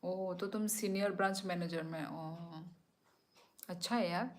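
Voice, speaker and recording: A woman's voice: on the low side, steady tone, measured pace. A young woman hosting a live stream, chatting casually and teasingly with viewers as she reads their comments, laughing often. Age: young adult.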